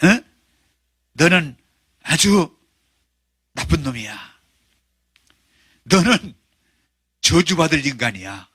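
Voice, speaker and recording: Sneering devil acted by a preacher, low scornful taunts, husky edge. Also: male voice, big pitch swings, takes it slowly, pauses often, fairly bright tone, no room sound, clean studio sound, heavily acted. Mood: taunting. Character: accusing devil, male, sneering and contemptuous.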